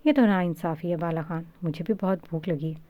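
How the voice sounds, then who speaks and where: Woman voicing a gentle coaxing father. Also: fairly low pitch, no echo, highs cut off, close to an everyday voice. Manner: soft, pleading, playful.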